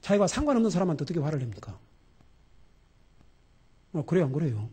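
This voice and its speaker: A middle-aged man preaching a sermon as pastor, animated and laughing, swinging between loud exclamations and quiet emphasis. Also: a little high, fast, husky.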